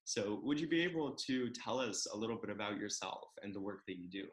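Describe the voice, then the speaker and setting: A man hosting an interview over a video call, speaking in a measured way. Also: lowish voice, expressive. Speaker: interviewer, host.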